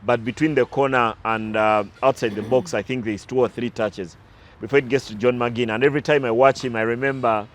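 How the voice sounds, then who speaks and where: Guy doing casual football analysis, mid pitch, goes off on little tangents. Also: steady tone, a little fast, a little hiss or hum. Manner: analytical, tells side stories, some restarts. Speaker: football pundit. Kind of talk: casual sports talk.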